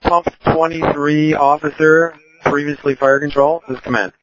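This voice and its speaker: A man acting as fire incident commander, giving calm orders over a two-way radio, halting with fillers. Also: a little high, a crowd in the background. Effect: heard over a two-way radio. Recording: muffled lo-fi radio with faint hiss.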